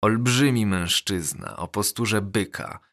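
A man narrating a novel as an audiobook, measured and even. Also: on the low side. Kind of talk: scripted narration.

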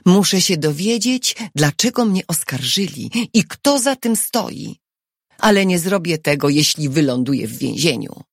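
A woman's voice: deep voice, animated, a little slow, gravelly, no room sound, studio quality, full character voice. Woman voicing a terse, resolute husband. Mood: tense, firm. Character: tense, resolute husband accused of treason.

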